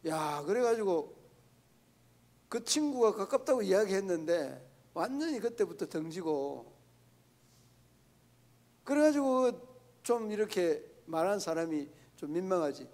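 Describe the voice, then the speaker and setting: A pastor preaches to his congregation in a high, gravelly voice. He talks to them in a conversational way and keeps putting questions to the room. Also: sing-song, a little slow, pauses often, a little mellow. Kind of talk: sermon. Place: church prayer meeting.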